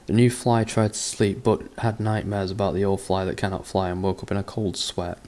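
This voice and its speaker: This man reads a book aloud with heavy sarcasm, stopping to swear and mock it in exasperation, all part of his comedic dramatic-reading act. His low-pitched, darkish voice stays flat and moves briskly.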